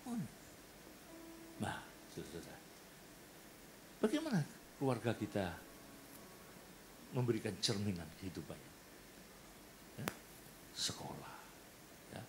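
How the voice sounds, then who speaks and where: Indonesian pastor preaching, really swoops up and down, jokey, faint hiss behind. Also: male voice, lowish voice, slow, long pauses. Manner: animated, acts out quoted voices and jokes. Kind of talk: sermon. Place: church hall.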